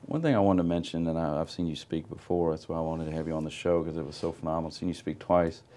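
A man's voice: very deep voice, steady tone, fast, dark tone. A man hosting an interview, who asks questions and keeps up encouraging backchannels. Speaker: host. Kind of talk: interview host.

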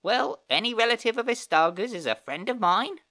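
A man's voice: extremely high pitch, expressive, normal speed, pushed and bright, no room sound, clean studio sound, voice pushed up, exaggerated voice. A man voicing a cheerful male goblin guide in an audiobook, with a screechy, nasal voice and an eager, friendly manner. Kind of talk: audiobook character voice.

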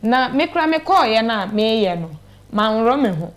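Speaking into a clip-on lapel mic in a small indoor TV studio, a young Ghanaian-accented woman shares a personal story as an interview guest and recounts conversations as she goes. Her voice is fairly high with lively intonation, and her pace is moderate.

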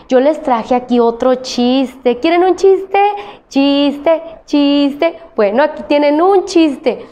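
Woman teacher, high-pitched, unhurried, patient and repetitive. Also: darkish tone. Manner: slow, patient, repeats key words. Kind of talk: classroom lesson to children.

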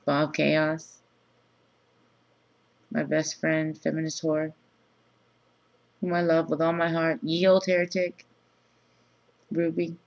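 A woman in her thirties who has just woken up, talking groggily and haltingly in a low-key, casual, confessional vlog. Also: darkish tone. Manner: halting, pausing often mid-thought. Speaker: vlogger. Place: small room indoors. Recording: dull lo-fi webcam sound.

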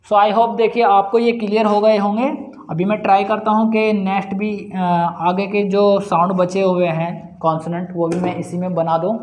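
A man teaching English pronunciation in a casual spoken lesson, slowly repeating example sounds and often calling his viewers guys. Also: sits high, little pitch movement. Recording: roomy echo.

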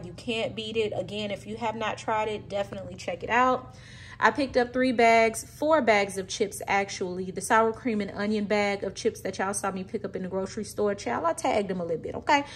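A woman's voice: mid-range voice, a little hiss or hum. A young woman, chatting casually and sassily to her viewers as a vlogger. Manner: chatty, sassy, says "y'all" and "child". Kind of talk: casual chat. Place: car, then kitchen.

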